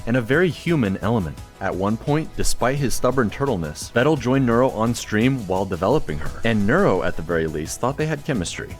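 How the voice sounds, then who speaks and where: A man giving scripted narration for a video essay, with wry, dry jokes. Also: mid-range voice.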